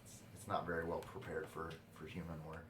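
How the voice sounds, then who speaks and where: A man narrating as dungeon master of a tabletop game, excitable and quick to laugh. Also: extremely low pitch, slight background noise. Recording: echoey room, mic far off.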